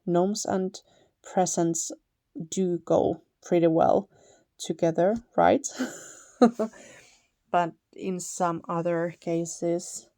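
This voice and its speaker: Drawing out her words and leaving long pauses, a fairly low-voiced Finnish woman talks casually through a paper-crafting tutorial on her channel. She's chatty and relaxed, with light laughter and occasional self-corrections, in an echo-free studio recording, and she speaks with a Finnish accent.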